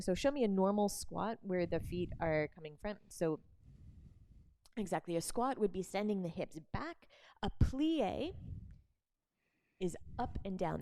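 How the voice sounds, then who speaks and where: A woman instructor explaining barre moves and cueing a demonstrator, encouraging and quick to laugh. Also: mid-range voice, mellow, no room sound.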